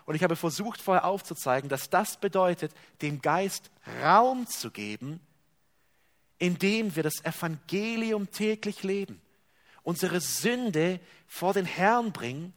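A man preaching a sermon, earnest, speaking to his congregation as dear ones and swinging between loud emphasis and hushed tones. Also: high voice, animated, a little slow.

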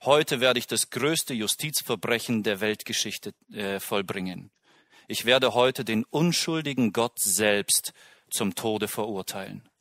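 A man's voice: fairly low pitch, animated, a little slow, a bit bright, dry recording. Preacher guy doing a torn roman governor talking himself into things, dry close sound. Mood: resolved. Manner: musing inner monologue, reasoning with himself. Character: conflicted Roman governor, man, wanting to do right. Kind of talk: sermon.

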